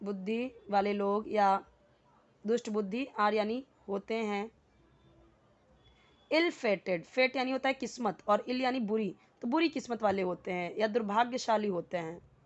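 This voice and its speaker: A woman's voice: medium pitch, unhurried, highs cut off. A woman teaching spoken English, explaining word by word and repeating words for practice.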